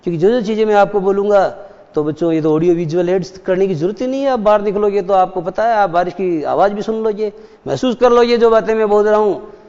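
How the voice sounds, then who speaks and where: High-voiced man teaching a class. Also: quick pace, darkish tone. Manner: explains and quizzes students, repeating key points. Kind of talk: classroom lecture. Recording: dull echoey hall.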